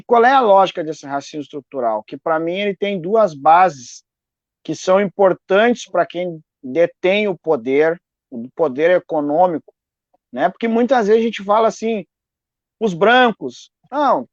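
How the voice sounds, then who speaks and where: A man's voice: high-pitched, no room sound. A man speaking earnestly as a guest on a live video interview from home, often repeating words and tagging "né?". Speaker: activist guest. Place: home in a neighbourhood. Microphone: video call. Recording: dull lo-fi stream audio.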